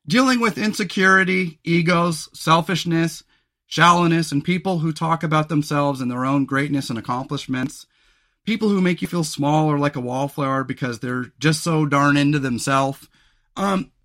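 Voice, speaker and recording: A man hosting his own podcast, thinking out loud in a loose, meandering monologue. His voice is bright and fairly high for a man, a little strained as he loses it, with frequent throat clearing. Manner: rambling and reflective, many fillers and restarts. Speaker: podcast host.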